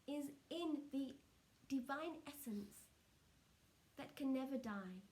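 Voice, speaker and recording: Slow, high-voiced woman trance medium. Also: animated, darkish tone. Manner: solemn, measured seance medium delivery in short halting phrases. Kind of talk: trance channelling as a seance medium, answering questions for a gathering.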